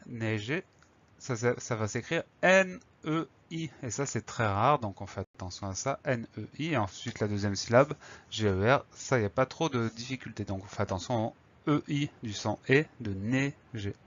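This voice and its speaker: A man's voice: mid-range voice, fairly bright tone, dull audio. A man teaching a spelling lesson, patiently breaking words into syllables and spelling them letter by letter.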